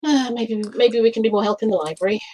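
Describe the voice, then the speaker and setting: A woman playing a tabletop game, speaking gently and thinking out loud as she acts out her character. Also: a little high, fast, slight background noise, poor audio. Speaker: player. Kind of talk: tabletop role-play.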